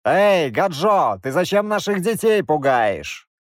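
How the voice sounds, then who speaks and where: Brief: male narrator as a sneering Roma heavy, calm threat, lively swings in pitch, dry audiobook. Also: slow pace, dry recording. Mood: mocking. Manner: mocking, calm, drawn out. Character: grim middle-aged male Roma, mocking and menacing.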